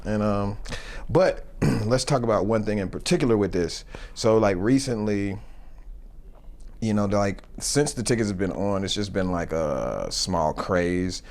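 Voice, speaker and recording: A man's voice: fairly low pitch, a little slow, darkish tone. A man hosting a casual comedic commentary show, rambling with slang and lots of fillers.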